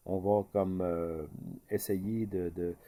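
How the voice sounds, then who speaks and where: Hesitant Québécois man, mellow low voice. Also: little pitch movement, slow. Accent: Québécois French. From Quebec. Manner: hesitant, many fillers and restarts. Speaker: market commentator. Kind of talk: casual video commentary.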